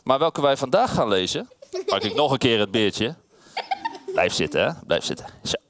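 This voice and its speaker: A man's voice: medium pitch, sing-song, normal speed, noisy background. A man reading a children's story aloud to a group of children in a room, playful and addressing them directly.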